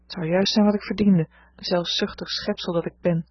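An impulsive teenage sister in a storybook reading, urgent and self-reproaching, as a woman reads her lines. The voice is husky and dry. The recording sounds dull and lo-fi. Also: on the low side, steady tone, fairly quick, no echo. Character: anxious impulsive teenage girl, older sister.

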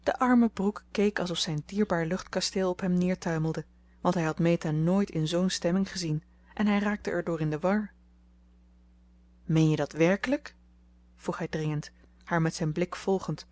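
A woman reading a novel aloud as an audiobook narrator, calm and even. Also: on the low side, moderate pace. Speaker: audiobook reader. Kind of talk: storybook narration.

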